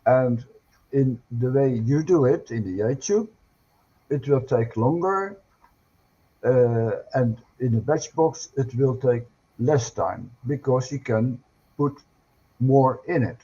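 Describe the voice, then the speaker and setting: A man's voice: medium pitch, lively intonation, slow, dark tone, slightly rough, muffled recording. An older man, a guest on a casual panel, speaking hesitantly with frequent fillers and careful phrasing.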